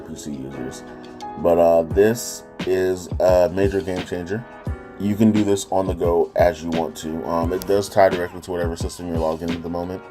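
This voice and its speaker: A deep-voiced man talks through a game app in a loose, chatty way, often stopping to correct himself. He is recorded on a phone, so the audio is low quality, and guitar music plays behind him. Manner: loose and chatty, frequent ums, corrects himself mid-sentence. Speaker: gaming channel host. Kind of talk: casual game app walkthrough.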